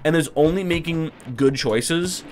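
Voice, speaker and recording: A young man in casual podcast chat, rambling excitably with lots of fillers and swearing. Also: on the high side, measured pace, a little hiss or hum. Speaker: podcast co-host.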